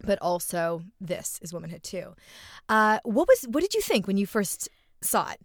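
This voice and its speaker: A woman's voice: medium pitch, big pitch swings, normal speed, no echo, clean studio sound. A woman hosting a casual podcast conversation, chatty and skipping around as she shares a reading. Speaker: podcast host.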